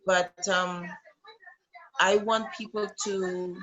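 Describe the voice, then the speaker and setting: A woman from Costa Rica with a Costa Rican Spanish accent, speaking English as a guest in a remote interview, halting, with many pauses and restarts. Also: medium pitch, little pitch movement, fairly bright tone, muffled recording, a little hiss or hum.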